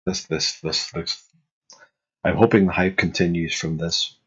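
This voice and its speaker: A man in his thirties with a husky voice, giving casual reaction commentary as a gaming YouTuber. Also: deep voice, steady tone, measured pace, fairly bright tone, muffled recording. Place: small bedroom. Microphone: headset.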